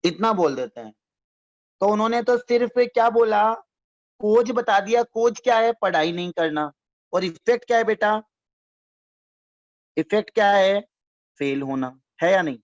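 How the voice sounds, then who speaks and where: In a classroom-style economics lecture, a man explains through repetition and keeps checking in with questions, fondly calling his listeners his students. His high voice has lively intonation, an unhurried pace, and frequent pauses, captured in a dull, dry, lo-fi recording.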